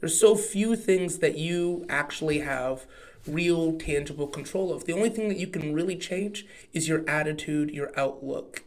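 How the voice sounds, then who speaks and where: A young man with an Oklahoma accent and a slightly high voice chats on a podcast. He is informal and candid, reflecting as he talks. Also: normal speed. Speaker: podcast co-host. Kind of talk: casual podcast chat.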